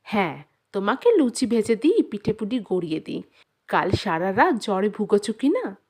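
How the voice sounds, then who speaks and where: A woman voicing a sharp-tongued village mother who scolds her son with sarcasm, a little lower than her own voice. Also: animated, a little slow, noisy background, lightly acted. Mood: scolding.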